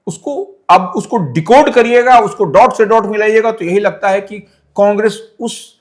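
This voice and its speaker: A man's voice: high voice, moderate pace. A man analysing politics on a news discussion, explaining at length and emphatically. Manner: explanatory, emphatic, asks listener to decode.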